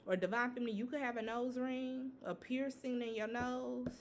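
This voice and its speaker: Female tarot reader, slightly high voice, loose chatty delivery with frequent swearing. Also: steady tone, normal speed, noisy background. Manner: loose, repetitive, sprinkled with "you know" and swearing. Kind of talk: casual tarot reading.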